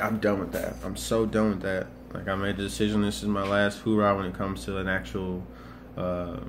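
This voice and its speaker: In a casual motivational vlog, a young man in his 20s speaks in a low, flat voice. He is earnest but rambles, restarting and repeating himself a lot, over a noisy background.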